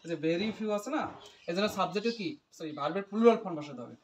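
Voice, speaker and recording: A man's voice: sits high, expressive, quick pace, a little hiss or hum. A man tutoring English grammar, asking questions and repeating the student's answers, explaining step by step. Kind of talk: English grammar lesson with call-and-response.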